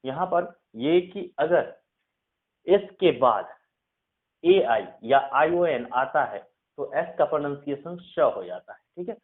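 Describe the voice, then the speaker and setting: A man's voice: fairly high pitch, expressive. Man teaching in tinny phone-like audio. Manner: slow dictation of rules, asks "clear?" often. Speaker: English pronunciation teacher. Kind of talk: classroom lesson.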